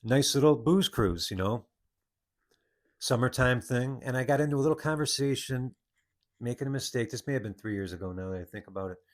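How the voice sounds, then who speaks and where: A man's voice: mid-range voice, fairly quick. A man hosting a podcast, telling a story in a rambling, casual monologue with many restarts. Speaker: podcast host.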